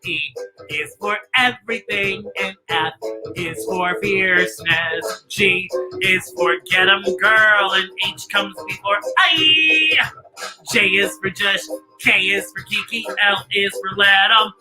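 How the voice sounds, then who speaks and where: A woman hosts a children's story time with campy, drag-style sass, playful and theatrical, full of exclamations and snatches of singing. Her mid-range voice has lively intonation and a slow pace. She's heard over music in a rough recording.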